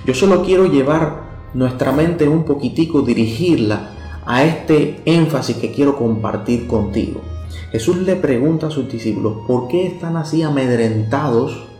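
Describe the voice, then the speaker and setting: A man's voice: medium pitch, lively intonation, moderate pace. A man preaching a short sermon in a conversational way, speaking straight to the listener and often asking them questions. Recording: echoey room with soft instrumental music.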